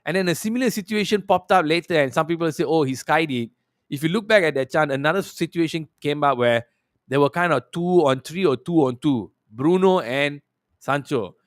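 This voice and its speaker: A man giving a casual, animated match reaction as a football fan, telling it emphatically in a conversational way. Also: fairly high pitch, fairly quick, no room sound, studio quality.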